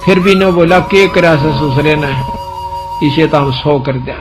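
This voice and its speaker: A man with a Haryanvi accent preaches by telling a folk story in colloquial speech, voicing the characters' dialogue as reported speech. His voice is fairly high and unhurried, with music playing in the background.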